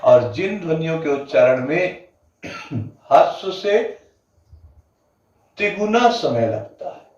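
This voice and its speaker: A man teaching an exam-prep grammar lesson. He asks the class questions, answers them himself, repeats definitions slowly with drawn-out words and keeps saying "ठीक है". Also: fairly high pitch, sing-song, darkish tone. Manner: fills gaps with "ठीक है". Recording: echoey, distant, dull lo-fi room sound.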